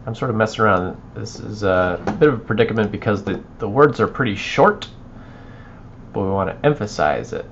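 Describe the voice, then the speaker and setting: A man walking viewers through a video edit on a livestream, thinking aloud and trailing off into quiet mutters as he works. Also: fairly low pitch, lively intonation, brisk, creaky, lo-fi sound, slight background noise. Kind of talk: live editing walkthrough.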